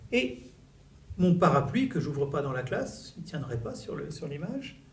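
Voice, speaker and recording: A man teaching a recorded reading lesson to young children in a classroom, slow and animated, stretching his syllables. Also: fairly high pitch, far from the mic. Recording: echoey room, voice a little off-mic, faint background noise.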